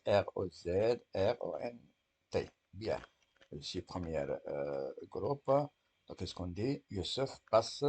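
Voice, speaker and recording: A man's voice: lowish voice, a little mellow, breathy edge. A man teaching French to young pupils, patiently correcting a test step by step and answering his own questions; French is not his first language. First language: Arabic.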